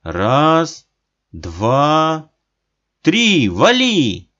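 A man voicing a hearty, boisterous father who shouts encouragement, in a dull lo-fi recording. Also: medium pitch, lively intonation, normal speed, voice pushed up, close to an everyday voice. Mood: shouting. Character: hearty father, loud, cheering on bathers.

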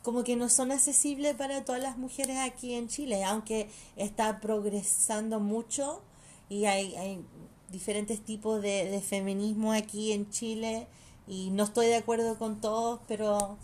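A woman's voice: a little high, flat delivery, unhurried, a little mellow, a little hiss or hum. A mother chatting casually and bluntly, swearing freely and switching between languages mid-sentence. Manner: blunt and profane. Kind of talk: casual chat.

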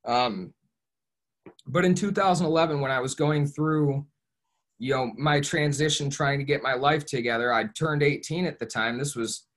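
Young male podcast guest from Ohio, mid-pitched, earnest and reflective, lots of restarts. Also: moderate pace, a bit bright. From Ohio, USA. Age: young adult. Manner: earnest, reflective storytelling with frequent restarts and "you know". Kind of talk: casual podcast interview.

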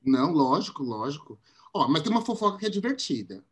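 A man, hosting a podcast and telling a story in a casual, animated way. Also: on the high side, fast, husky. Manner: animated, acts out quotes in shifting voices. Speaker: podcast host.

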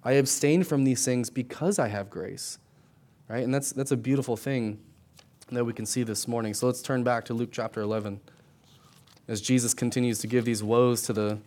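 A man's voice: medium pitch, steady tone, normal speed, a little mellow. A middle-aged man, a pastor, preaching a sermon in a conversational way, often adding "right?" and restarting his words. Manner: conversational preaching with frequent tag questions.

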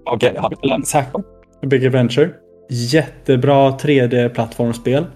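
A man's voice: mid-range voice, steady tone, a little mellow, soft background music. A man co-hosting a casual podcast chat, talking enthusiastically about games he has been playing. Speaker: podcast co-host.

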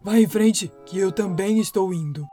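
A woman voicing a big, slow-witted, hungry male monster in a storybook, with a gruff, drawling manner. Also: mid-range voice, warm tone, faint music behind, close to an everyday voice.

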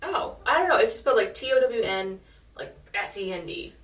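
A woman's voice: fairly high pitch, expressive, fairly quick. A woman with a Californian accent telling stories in casual, slangy chat, often saying "like". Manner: informal, slangy, says "like" often. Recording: roomy echo, distant mic.

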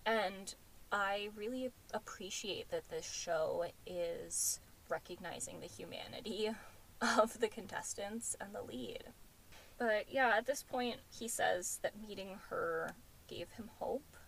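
A woman co-host recaps an episode in relaxed, rambling chat. She leans on fillers and trails through her thoughts. Faint noise sits under the voice. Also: medium pitch, slow pace, creaky, low-quality recording. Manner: chatty, many fillers like "um" and "like". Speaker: podcast co-host.

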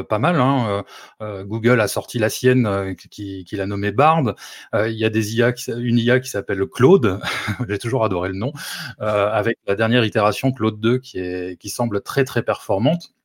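A man talking through a tech topic on a casual podcast, stumbling over repeated words and filling pauses as he thinks aloud. His voice sits on the low side. The sound is dry and close, with no room around it. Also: no room sound. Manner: hesitant, many fillers and restarts, chuckles. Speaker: co-host presenting the topic.

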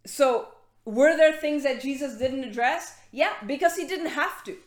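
A woman preaching a sermon, reading scripture and explaining it earnestly, often repeating words and adding quick asides. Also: sits high, roomy sound.

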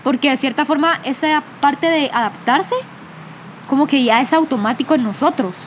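A woman's voice: high-pitched, a little hiss or hum. A Guatemalan woman co-hosting a podcast, chatting casually and using vos forms. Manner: chatty, quick to laugh, uses vos forms. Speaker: podcast co-host.

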